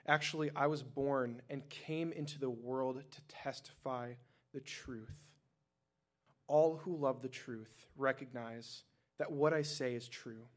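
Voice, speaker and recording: A man reading the lines of a calm, steadfast man on trial in a scripture reading, in a measured way. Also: medium pitch, natural voice.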